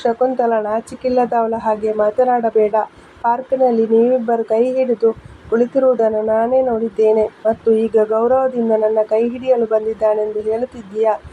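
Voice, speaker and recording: A woman's voice: a little high, little pitch movement, normal speed, close to an everyday voice. A woman reading as a harsh scolding stepmother. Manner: sharp, accusing. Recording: dull lo-fi with faint hiss.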